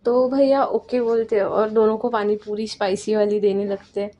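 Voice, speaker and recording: A woman's voice: mid-range voice, flat delivery, warm tone. A woman narrating a romance story in a chatty, unscripted way. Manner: chatty, unscripted, drawn-out phrasing.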